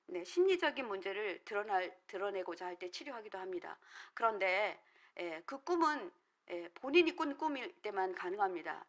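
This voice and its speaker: A woman's voice: mid-range voice, a bit bright. A middle-aged woman pastor, also a counselor, giving an earnest, explanatory sermon at a prayer meeting, with frequent filler words. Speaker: counselor trained in dream analysis.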